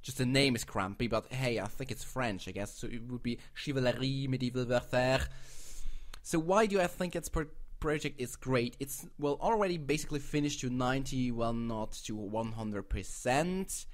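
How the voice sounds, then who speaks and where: In a mid-range voice at a moderate pace, a Swiss video channel host rambles through playful, casual commentary on game crowdfunding projects, often correcting himself. English isn't his first language, and he has a Swiss accent.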